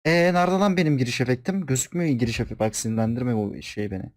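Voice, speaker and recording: A man casually reacting to a video, relaxed, joking and slangy. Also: mid-range voice, very fast, no echo, clean studio sound. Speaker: reaction streamer.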